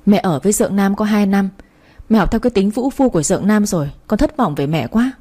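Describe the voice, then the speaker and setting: A woman's voice: medium pitch, fast, warm tone, close to an everyday voice. A woman voicing a defiant teenage girl. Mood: earnest, pleading.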